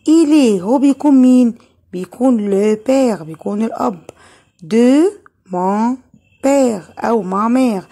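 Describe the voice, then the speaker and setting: A woman with an Egyptian Arabic accent teaches French grammar online, patiently posing questions and then answering them herself. Her voice is a little high and warm, with a breathy edge.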